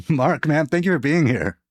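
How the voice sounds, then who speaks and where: Male podcast host with medium-pitched voice. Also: normal speed, no room sound. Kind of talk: casual chat and scripted podcast reads.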